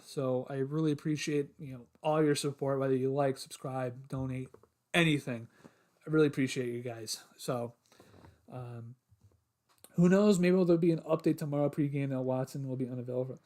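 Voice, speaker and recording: A young man hosting a casual solo sports podcast, rambling with lots of fillers, his voice getting hoarse after talking a long time. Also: on the high side, a little mellow. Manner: rambling, filler-heavy, restarts often.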